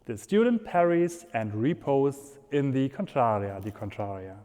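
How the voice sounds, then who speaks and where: Slow-paced German-accented man in an echoing hall. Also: mid-range voice, big pitch swings, warm tone, clean tone. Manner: halting non-native phrasing. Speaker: fencing instructor. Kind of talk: instructional demonstration, explaining step by step. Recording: echoey hall with long reverb.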